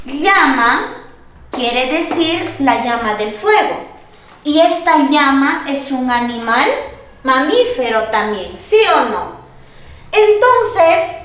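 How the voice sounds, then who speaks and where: A woman's voice: high voice, a bit bright. A woman teacher giving a classroom grammar lesson, asking the class questions, answering them herself and repeating the key points. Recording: very echoey room, voice far from the mic.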